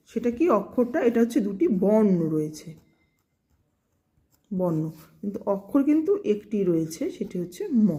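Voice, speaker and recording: Brief: woman teacher, patient, mellow higher voice, talks to students in an echoey room. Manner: patient, asks questions and then answers them herself. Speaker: grammar teacher. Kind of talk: explaining a lesson to students.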